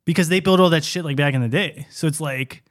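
A man's voice: fairly high pitch, fast talker. A man co-hosting a podcast in casual chat, rambling with lots of fillers. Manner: rambling, filler-heavy, laid-back. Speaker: podcast co-host.

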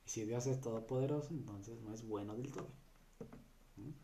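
Mellow-voiced man chatting. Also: medium pitch, moderate pace, a little hiss or hum. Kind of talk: casual chat.

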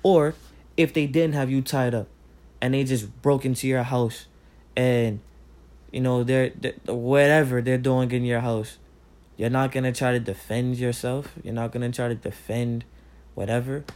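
A man's voice: mid-range voice, fairly even intonation, moderate pace, darkish tone. Man ranting casually, profane and rambling. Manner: profane, rambling, heated, repeats "like". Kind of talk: casual rant.

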